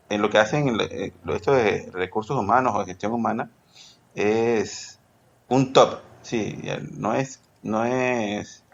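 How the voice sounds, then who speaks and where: Man, gravelly low voice, rambling podcast guest on dull lo-fi call audio. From Peru. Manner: rambling, self-correcting, laughs easily. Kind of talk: casual podcast interview.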